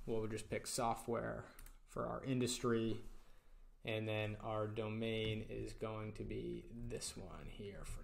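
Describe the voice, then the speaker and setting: A young man narrating a screen-recorded software tutorial in a relaxed, step-by-step way. His voice sits at an ordinary middle pitch. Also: creaky. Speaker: tutorial presenter.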